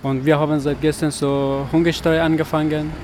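A man's voice: fairly high pitch, flat delivery, normal speed. A man from Afghanistan, a protester speaking hesitant, broken German with many fillers. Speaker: asylum-seeking protester. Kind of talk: street interview. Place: outdoors in a city street. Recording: faint traffic noise outdoors.

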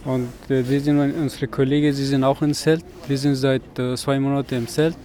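A man from Afghanistan, an asylum seeker at a protest, answers a street interview in faltering German peppered with fillers. His medium-pitched voice is level, brisk and warm. The recording, made on a city street, carries faint traffic noise.

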